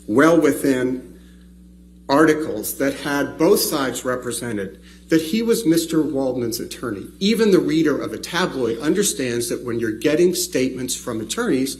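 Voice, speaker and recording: A man speaking as an attorney in a courtroom, making a deliberate, emphatic and rhetorical legal argument. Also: medium pitch, animated, a little mellow, rough recording. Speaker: trial attorney arguing a motion. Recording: faint hum and background noise.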